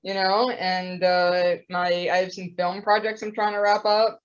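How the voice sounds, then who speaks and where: A young woman co-hosting a podcast chats casually, rambling and filling the gaps with plenty of fillers. Her voice is smooth and medium-pitched, a little slow, with little pitch movement. The audio is dull and lo-fi.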